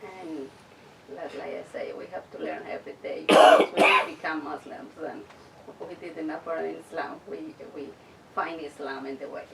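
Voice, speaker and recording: A woman introducing herself at a Q&A as a convert, speaking haltingly. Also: low-pitched, steady tone, gravelly. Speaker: convert attending a Q&A. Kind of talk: self-introduction. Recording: distant mic, noisy room.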